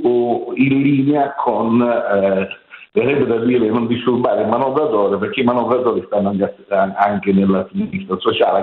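An older man calling in to a live radio show over a poor phone line that sounds like speakerphone, speaking earnestly and critically with many halting fillers. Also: on the low side. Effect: heard over a poor phone line, sounding like speakerphone. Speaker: radio call-in listener. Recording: tinny, echoey phone line.

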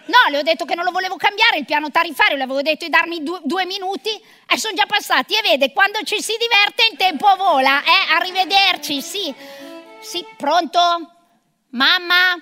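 A woman's voice: very high-pitched, fast talker, few pauses, pushed and bright, faint music behind. A middle-aged woman performing a comic monologue of phone calls as a bossy, sarcastic career mother.

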